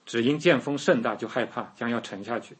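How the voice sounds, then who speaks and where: A man preaching a sermon, telling the story in a lively way and acting out the people in it. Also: mid-range voice, a little fast. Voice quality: very husky voice.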